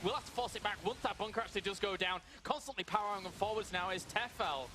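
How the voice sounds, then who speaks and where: A man's voice: high voice, quick pace, over music. A man co-casting a live strategy game match, agreeing with his partner and adding play-by-play. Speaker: esports co-caster.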